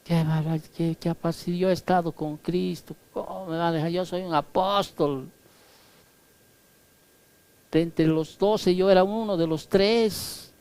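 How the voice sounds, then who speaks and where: A male pastor briefly voicing an old apostle who speaks in a softer, lowered, plaintive tone. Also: steady tone, measured pace, smooth. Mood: mock lament. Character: aged apostle, self-pitying and plaintive.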